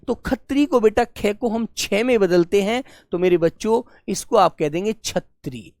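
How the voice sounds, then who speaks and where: A man's voice: high-pitched, unhurried, darkish tone, no room sound. Affectionate man teaching a live class. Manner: affectionate, repetitive, quizzing students. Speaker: Hindi grammar teacher.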